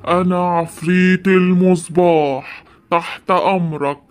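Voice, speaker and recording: Performer doing an obliging cartoon lamp genie, calm, servile, Egyptian Arabic accent, mid-pitched. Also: unhurried, natural voice.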